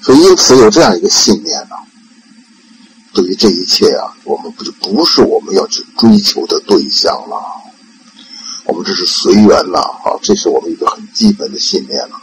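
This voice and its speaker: An old man giving an informal Buddhist talk in a gravelly voice. He rambles, repeats words and leans on fillers. A faint background hiss sits behind him. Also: on the low side, huge pitch swings, fairly quick, low-quality recording. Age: older. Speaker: Buddhist lay teacher.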